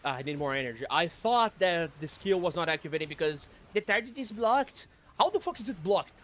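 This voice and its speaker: A somewhat high-pitched man talks through a game stream in a casual way. He grumbles and swears freely, with a dry, sardonic edge. He sounds like he is at home in his apartment. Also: animated, fairly quick, fairly bright tone. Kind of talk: casual gameplay commentary.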